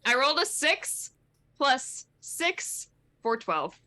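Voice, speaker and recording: A woman's voice: high-pitched, very animated, slow, sharp tone. A woman playing in a casual, improvised tabletop role-playing game.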